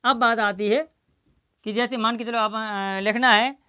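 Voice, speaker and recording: A woman's voice: fairly high pitch, fairly even intonation, measured pace, sharp tone, clean tone. A woman teaching Hindi pronunciation in a classroom style. She asks her own questions, answers them, and spells out the letter sounds one by one. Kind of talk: slow classroom-style lesson.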